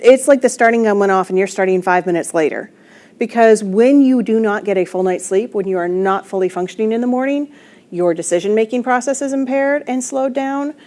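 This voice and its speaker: A woman's voice: fairly high pitch, darkish tone. A woman wellness coach giving an online presentation in an earnest, emphatic teaching tone, speaking into a computer microphone.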